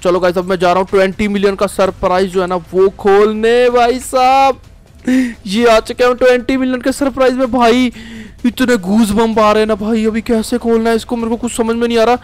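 Young male gaming creator, very high-pitched, jumpy and excitable, narrating his play. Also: brisk, clear, resonant tone, soft background music. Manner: excitable, yelps when startled, hushes when sneaking. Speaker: gaming YouTuber. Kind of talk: excited gameplay commentary.

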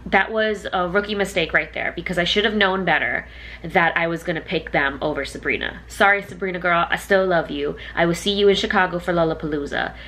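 A woman's voice: on the low side, fairly quick, sharp tone. Young woman rambling to the camera, still half asleep, morning voice, super chatty. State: sleepy morning voice. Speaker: concert vlogger. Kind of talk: casual vlog chat.

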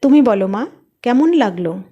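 A woman giving voice to a fussy older mother-in-law in a spoken storybook. She scolds and frets, but her voice stays warm and caring. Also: fairly high pitch, lively intonation, normal speed, breathy edge, highs cut off. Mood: fussing. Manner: scolding, fussing.

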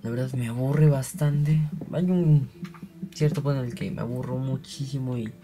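A man's voice: mid-range voice, moderate pace. A young man, rambling in casual gameplay commentary and voicing digging sounds aloud. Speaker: gaming channel host.

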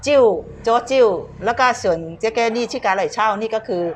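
A woman's voice: a little high, a little fast, a little hiss or hum. A woman who owns a restaurant, giving short answers and naming dishes in a Chinese dialect. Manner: brief replies, names dishes in Chinese dialect. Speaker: restaurant owner. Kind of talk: casual chat. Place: small restaurant.

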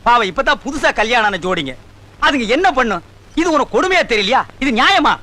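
A bossy bragging village exorcist. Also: male voice, very high-pitched, sing-song, sharp tone, heavily acted. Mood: scolding. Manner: scolding, mocking, quick-tongued. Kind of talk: 1990s Tamil film comedy.

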